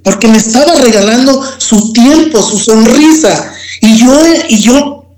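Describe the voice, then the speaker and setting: Over crowd noise and poor audio, a Mexican man with a very high voice and lively intonation gives his personal testimony in an interview. He speaks slowly, haltingly, frequently repeating words before moving on.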